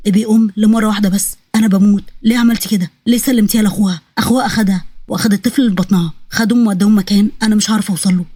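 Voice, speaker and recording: A woman's voice: mid-range voice, a little mellow, husky, no echo, voice pushed down, close to an everyday voice. A woman with an Egyptian accent voicing a desperate young prince who pleads emotionally. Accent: Egyptian Arabic.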